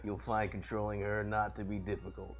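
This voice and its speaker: A man voicing a scheming, smugly commanding dark lord in a comic script read. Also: on the low side, flat delivery, a little fast, creaky, music in the background.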